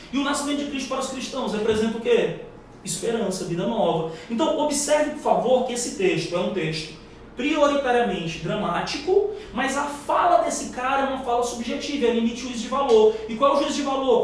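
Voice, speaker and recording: A male teacher with a Brazilian Portuguese accent running a live exam-prep class, quizzing the room in an emphatic, slangy way. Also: very high voice. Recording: echoey room, far mic, faint noise.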